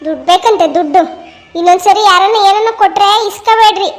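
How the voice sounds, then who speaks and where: A woman's voice: extremely high pitch, fast. A woman voicing a stern village mother in a cartoon, lecturing her sons. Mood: scolding. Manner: scolding, lecturing.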